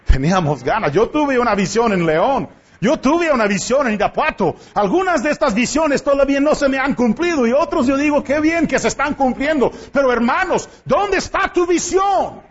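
Captured in a muffled, lo-fi church recording, this pastor's voice is extremely high-pitched with a breathy edge. He drives his sermon forward by pressing the congregation with passionate rhetorical questions.

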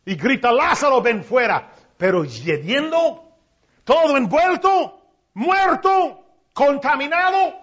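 A man with a very high voice preaches a sermon at a slow, weighty pace. His delivery swings between loud cries and near-whispers. The recording sounds muffled and lo-fi. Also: big pitch swings. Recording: dull lo-fi recording.

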